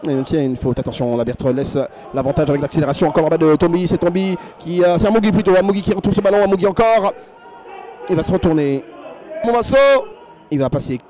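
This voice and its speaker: A man giving excited sports commentary on football, breaking into drawn-out shouts and repeating his phrases. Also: fairly high pitch. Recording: loud stadium crowd behind. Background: football crowd.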